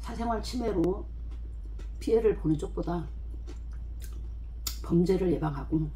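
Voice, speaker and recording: Low mellow-voiced woman chewing while talking, casual eating-show chat, bit of noise behind. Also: measured pace, rough recording. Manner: plain, matter-of-fact remarks between bites. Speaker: mukbang creator.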